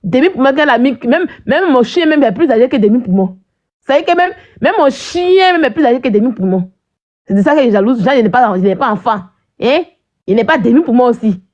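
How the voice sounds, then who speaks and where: A woman's voice: a little high, lively intonation, brisk, a little mellow, muffled recording. A woman hosting a live stream, ranting at her viewers in a combative, mocking way and often asking "hein?".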